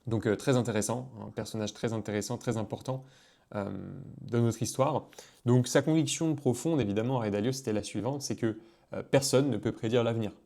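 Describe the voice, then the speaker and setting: A man's voice: mid-range voice, brisk, warm tone. A man explaining investing in a casual video, talking freely with many fillers and restarts. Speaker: finance content creator.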